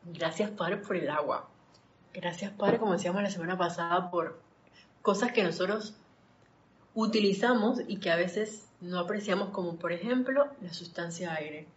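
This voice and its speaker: Leading a spiritual study group on a livestream, a woman from Panama speaks in a lowish voice at a moderate pace. The recording has its highs cut off and a slight hiss or hum, while she warmly welcomes viewers and wanders into digressive stories.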